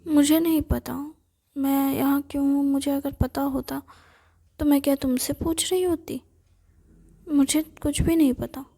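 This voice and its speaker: A woman voicing a chatty, curious young female ghost who keeps asking questions and admires her own looks, in a breathy whispered role-play. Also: sits high, fairly even intonation, warm tone. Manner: rapid questioning, insistent.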